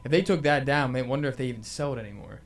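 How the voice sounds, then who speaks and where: A man's voice: mid-range voice, very fast. A man chatting casually as a pipe tobacco reviewer, hesitating and correcting himself as he goes. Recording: music playing behind.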